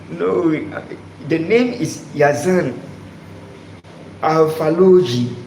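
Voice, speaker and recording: A man's voice: a little high, gravelly. A man from Ghana hosting a casual sports live stream, greeting viewers by name and asking them questions. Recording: echoey room with loud background noise.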